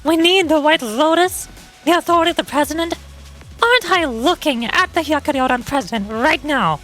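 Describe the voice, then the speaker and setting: A woman's voice: high voice, fairly quick, fairly bright tone, faint music behind. Woman doing a defiant young tomboy girl voice. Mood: defiant, urgent. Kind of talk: amateur voice acting of a game story.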